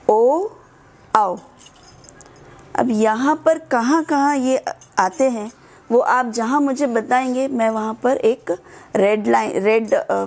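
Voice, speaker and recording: A woman teaching children to pronounce Sanskrit verses, drilling syllables slowly and patiently. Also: fairly high pitch, creaky, darkish tone, a little hiss or hum. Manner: slow, patient drilling of syllables, mixing English words. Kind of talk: online class teaching.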